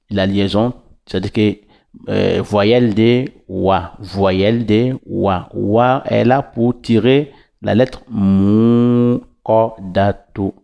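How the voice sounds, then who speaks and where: A man teaching Quran recitation, patiently breaking words into syllables and repeating them slowly. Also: lowish voice, creaky. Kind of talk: slow syllable-by-syllable recitation lesson. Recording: dull lo-fi recording.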